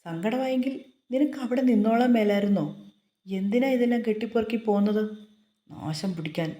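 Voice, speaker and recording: A woman's voice: fairly low pitch, normal speed, warm tone, close to an everyday voice. A woman voicing a short-tempered young man who scolds and gives curt orders. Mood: scolding. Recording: roomy echo.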